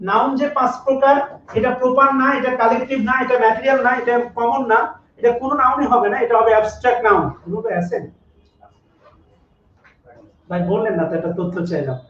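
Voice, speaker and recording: A man's voice: extremely high pitch, quick pace, fairly bright tone, slight background noise. A man teaching English grammar in a live online class, repeating each rule and asking students to comment to confirm they understand. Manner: repetitive, drills rules and asks students to comment. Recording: echoey room, distant mic, dull lo-fi sound.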